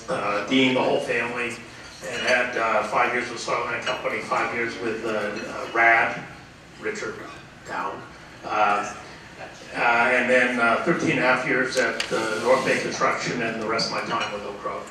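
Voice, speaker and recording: An older man in his sixties, heard from a distance, rambles through an award acceptance speech. He tells one anecdote after another with plenty of uh and um. The sound comes through a strongly echoing banquet hall with a steady murmur of room noise. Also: medium pitch. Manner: rambling storyteller, full of uh fillers, acts out quoted voices.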